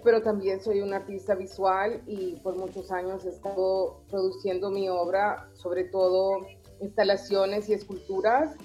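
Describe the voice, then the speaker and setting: A professor and artist from El Salvador answers interview questions thoughtfully and earnestly, sometimes restarting her sentences. Her voice is warm and medium-pitched, captured in slightly dull lo-fi sound.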